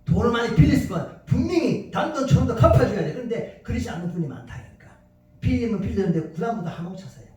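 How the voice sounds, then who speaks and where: A man's voice: high-pitched, expressive, fast, darkish tone. A male pastor preaching a sermon, emphatic and telling stories with acted-out quotes. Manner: emphatic, storytelling, acts out quotes. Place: church sanctuary. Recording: very echoey church hall from far off.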